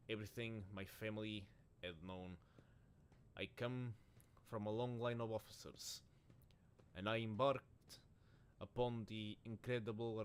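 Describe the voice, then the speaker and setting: A man's voice: lowish voice, a little hiss or hum, close to an everyday voice. A man voicing a stern, proud older male seneschal and former navy officer, who speaks in a formal, reproachful way.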